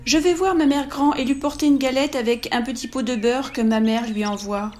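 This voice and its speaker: A woman's voice: high voice, moderate pace, a little mellow, slight background noise, voice pushed up, natural voice. Woman doing a chirpy naive little girl. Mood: eager.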